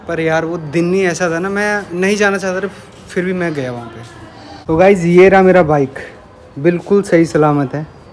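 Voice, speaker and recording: A young man talking casually to camera in a vlog, chatty, showing viewers things around his home. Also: fairly high pitch. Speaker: vlogger. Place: at home, indoors and by a parked bike.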